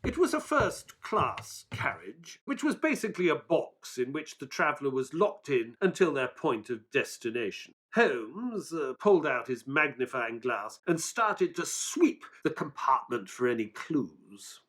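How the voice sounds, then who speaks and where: A mild Victorian doctor and sidekick in an audio drama. He speaks slowly and politely, with a husky edge and an expressive, earnest lilt. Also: medium pitch. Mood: measured narrating. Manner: polite, hesitant, measured. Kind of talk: audio drama acting and narration.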